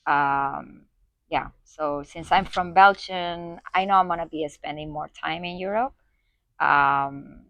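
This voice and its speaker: Low-voiced woman guest, halting and dry. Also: fairly bright tone, dry recording. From Spain. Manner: hesitant, many fillers and restarts. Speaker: guest, community organizer. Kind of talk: conversational interview.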